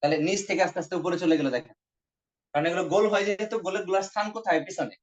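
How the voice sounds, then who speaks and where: A man's voice: sits high, very fast. A man teaching an exam-prep grammar lesson with a Bangladeshi Bengali accent, repeating points and sounding out vowels for his students. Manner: repetitive, coaxing, demonstrates vowel sounds aloud. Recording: dull lo-fi recording.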